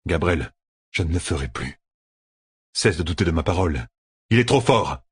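A man's voice: deep voice, animated, moderate pace, husky, heavily acted. Man voicing a beaten, weary warrior. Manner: weary, subdued, near trembling.

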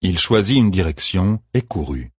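A man narrating an audiobook chapter in a slow, measured reading. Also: sits low, expressive, slightly rough, dry recording, clean studio sound. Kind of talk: scripted narration.

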